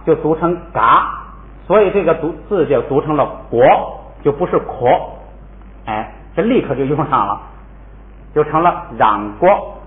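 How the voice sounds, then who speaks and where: A man teaching a language lesson in a relaxed spoken style, explaining patiently and repeating words for students to echo. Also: a little high. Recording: echoey room over a tinny phone-like line.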